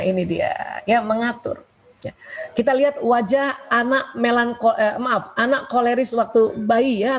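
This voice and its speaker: A middle-aged woman doctor giving a webinar lecture on children's temperaments in a chatty way, laughing often and asking the audience questions. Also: on the high side.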